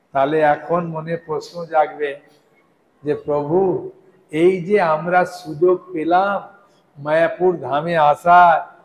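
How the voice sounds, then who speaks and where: A man preaching a devotional sermon to a live audience, speaking slowly and deliberately and often checking in with his listeners with questions. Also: high-pitched. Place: hall with a gathered audience. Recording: echoey hall.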